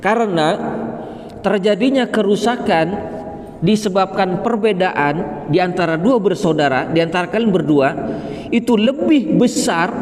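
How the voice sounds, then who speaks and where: Male preacher, slightly high voice, lively sermon delivery, long mosque reverb. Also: unhurried. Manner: lively, rising pitch for emphasis, Arabic quotations. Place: mosque hall.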